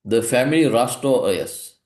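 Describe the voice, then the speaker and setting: A man's voice: medium pitch, lively intonation, a little mellow. A man from Sri Lanka tutoring a student one-on-one, reading a story aloud and often checking with "right?". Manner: slow, explanatory, checks understanding with "right?". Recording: echoey room.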